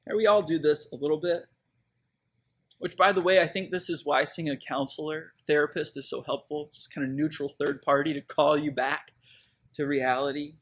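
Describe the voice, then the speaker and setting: A man's voice: a little high, a bit bright, slightly rough. A man, preaching a sermon in a conversational, reflective way with fillers and restarts. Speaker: pastor.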